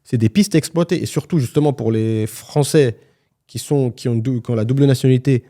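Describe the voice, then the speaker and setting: A man's voice: medium pitch, fairly quick, mellow. A man co-hosting a casual podcast conversation, talking frankly and colloquially, with many restarts. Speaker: podcast co-host, property agent.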